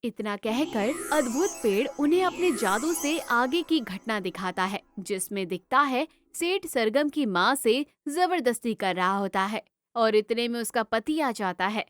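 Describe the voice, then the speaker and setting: A woman narrating a cartoon moral story in an even storytelling delivery. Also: fairly high pitch, measured pace.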